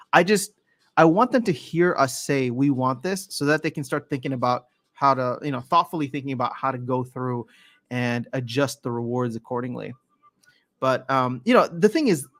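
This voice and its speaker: This livestreamer reads viewer comments aloud and responds in a relaxed way, frequently starting over and correcting himself. He has a fairly high, fairly bright voice, recorded without echo, and it's a little tired from heavy use.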